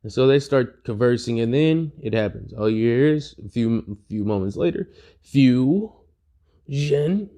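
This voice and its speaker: A young man spinning an improvised fan story in a loose, rambling way, with a dark, mellow voice. His pitch sits in the middle and he talks casually, with frequent fillers. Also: brisk, few pauses. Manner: rambling, profane, laid-back.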